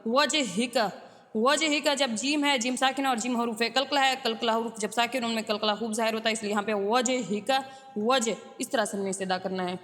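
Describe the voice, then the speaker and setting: A woman teaching a tajweed lesson who recites Arabic verses slowly and drawn out, then explains the rules in brisk, steady speech. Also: fairly high pitch, long reverb tail. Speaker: Quran teacher.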